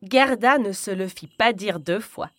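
A woman reading a fairy tale aloud in a calm, expressive storytelling voice. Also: mid-range voice, a little slow, no echo.

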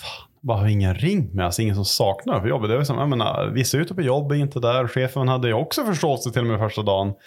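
A man's voice: medium pitch, expressive, a little mellow. A man chatting casually in a podcast, rambling and swearing as he tells stories. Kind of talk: casual chat.

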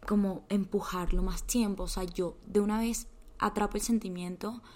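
A twenty-year-old podcast co-host with a Colombian accent tells stories in a casual chat, peppered with slang and swearing. Her medium-pitched voice is fairly even and a little mellow, moving at a normal speed.

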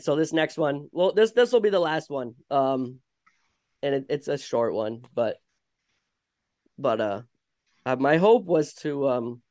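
Clean, dry studio audio captures a medium-pitched, somewhat mellow male podcast host with a Vermont accent. He reads a story aloud in a casual, halting way, tripping over words and correcting himself.

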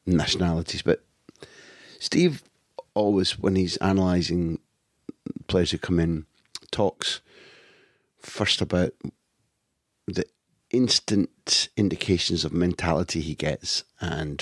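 A man, a football journalist, answering questions in long, thoughtful, halting analysis over a phone line. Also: low-pitched, dry recording, studio quality. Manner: thoughtful, many pauses and fillers. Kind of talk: conversational analysis.

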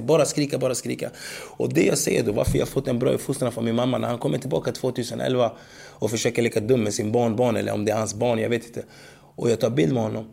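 A man, talking as a podcast guest. His voice has a gravelly, fry-laden edge at an ordinary pitch. He tells stories animatedly, often checking that the listener follows him. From Sweden. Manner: animated storytelling, frequent "förstår du vad jag menar". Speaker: guest, former footballer. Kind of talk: podcast interview.

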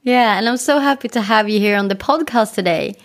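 A woman's voice: medium pitch, brisk. A woman hosting a podcast, reading scripted introductions and asking questions. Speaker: podcast host.

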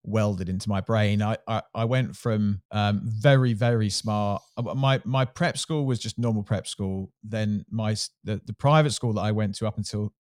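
In a lowish, darkish, steady voice, a middle-aged man from Surrey speaks at a moderate pace with few pauses. He is a sports marketing executive being interviewed, answering with casual, self-deprecating candour in a southern English Home Counties accent, recorded in studio quality with no echo.

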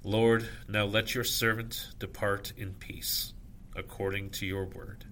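A man officiating at evening prayer, reciting scripture and liturgy in measured, solemn short phrases. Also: lowish voice, level tone, fairly bright tone, a little hiss or hum.

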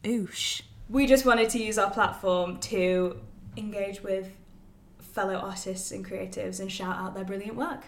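A woman's voice: medium pitch, steady tone, a little slow. A woman co-hosting a podcast, chatty and upbeat in casual talk. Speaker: podcast co-host. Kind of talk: casual chat.

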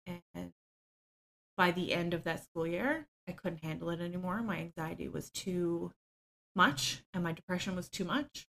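A woman appears as a podcast guest and speaks candidly about her own life, open and self-deprecating, laughing easily and saying "um" a lot. Her lowish voice is a bit bright with vocal fry, and she speaks at a moderate pace.

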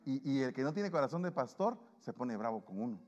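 A male pastor preaching to his congregation and leading communion, lively and acting out the voices of people he quotes. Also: medium pitch, a little fast, long reverb tail. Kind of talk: sermon and communion prayer. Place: church.

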